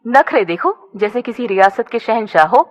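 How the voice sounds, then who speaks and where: A woman's voice: on the high side, lively intonation, normal speed, natural voice. A woman voicing a bubbly, talkative young woman who scolds and fusses. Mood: scolding. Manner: chatty, scolding. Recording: dull lo-fi recording.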